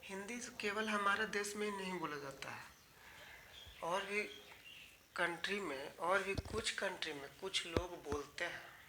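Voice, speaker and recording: A man's voice: sits high, unhurried, background noise. A man from India teaching English grammar in an online class, explaining patiently and talking straight to his students, often repeating key words.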